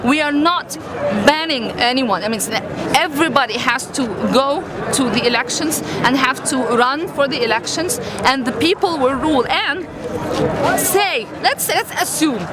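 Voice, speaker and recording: A woman's voice: high voice, normal speed. A woman with an Egyptian accent gives an impassioned, emphatic street interview, repeating phrases for stress. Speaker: pro-democracy activist interviewed at a street protest. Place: outdoors in a crowded city square. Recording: outdoor street, loud crowd and traffic noise.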